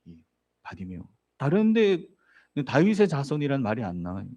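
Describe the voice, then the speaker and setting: A man's voice: medium pitch, huge pitch swings, normal speed, dark tone. A male pastor preaching a sermon, telling the story vividly and putting rhetorical questions to the congregation. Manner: storytelling, acts out voices in the story.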